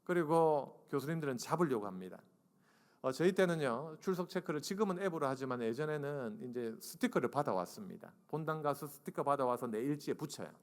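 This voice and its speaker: A man's voice: fairly high pitch, a little fast. A man in his forties, a seminary professor preaching to a congregation, tells a funny story and acts out the dialogue. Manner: animated, acts out dialogue and asks the congregation to raise hands. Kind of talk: humorous storytelling sermon. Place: church sanctuary. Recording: long reverb of a church sanctuary.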